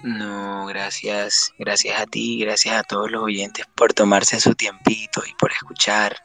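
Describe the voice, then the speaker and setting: A man's voice: fairly low pitch, completely flat delivery, unhurried, pushed and bright, soft background music. A man from Colombia answering radio interview questions about his songs, telling stories reflectively with frequent restarts. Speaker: musician guest.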